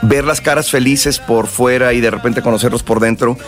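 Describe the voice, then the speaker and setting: A man's voice: medium pitch, moderate pace, soft background music. A man with a Mexican accent, a singer from the north of the country and South Texas, chatting as a guest in a casual interview, loose and slangy, hungover and tired. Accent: Mexican Spanish. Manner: relaxed, slangy, rambling with many restarts.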